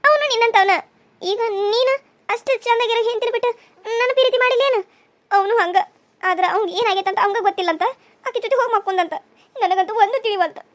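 A woman's voice: extremely high pitch, fast. A woman voicing a bitter, betrayed young wife in a cartoon serial, grieving and reproachful. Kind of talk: cartoon voice acting.

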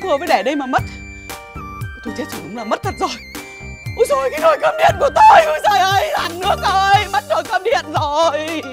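A woman playing a hot-tempered village mother who curses a thief in shrill, rhythmic rants. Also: huge pitch swings, fast talker, over music, exaggerated voice. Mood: flustered. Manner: shrill, ranting, rhythmic cursing. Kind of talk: comedy sketch acting.

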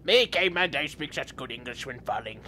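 A man voicing a dim-witted, excitable caveman who talks about himself in the third person while commenting on gameplay. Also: medium pitch, brisk, slight background noise. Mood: goofy. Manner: broken caveman grammar, third person, sudden yelps. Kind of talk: playful game commentary in character.

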